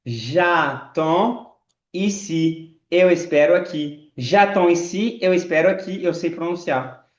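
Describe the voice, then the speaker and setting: French male teacher, slow repeated drills, a bit high, roomy dull recording. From France. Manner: slow, drawn-out model phrases, repeated drills. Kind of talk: pronunciation lesson.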